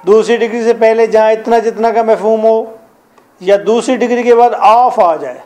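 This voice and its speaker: A man's voice: sits high, moderate pace, a little mellow. A middle-aged man with a Pakistani accent teaching a classroom English grammar lesson, drilling rules and quizzing his students.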